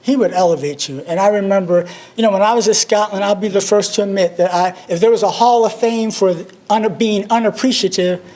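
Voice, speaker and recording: A man's voice: sits high, brisk, hardly any pauses, darkish tone. A man, giving a memorial tribute speech. He tells humorous, self-deprecating stories. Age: 60s. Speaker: alumnus speaker at a memorial service.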